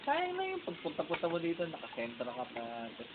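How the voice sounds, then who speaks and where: A man ribs his friend in loose, joking banter, his pitch swinging up and down. The sound is thin and phone-like. A loud hiss of noise sits under him. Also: huge pitch swings, quick pace. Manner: teasing, joking. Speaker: friend in a group. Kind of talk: casual banter among friends.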